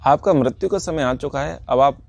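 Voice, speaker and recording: A man acts out an unyielding messenger of death who turns down every plea with short, firm words. His voice sits at a middling pitch. The sound is dry and close. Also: normal speed, creaky, a little mellow, dry recording. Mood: stern. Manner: curt, firm refusals.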